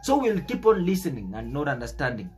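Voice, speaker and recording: His fairly high voice has a sing-song quality and moves fairly quickly. He's a young political commentator with a Kenyan accent, delivering an unscripted, emphatic, preachy monologue that stresses words and repeats phrases.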